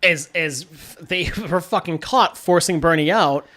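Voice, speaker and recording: A man's voice: on the high side, unhurried, pushed and bright. Blunt, opinionated male podcast host. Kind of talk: casual chat.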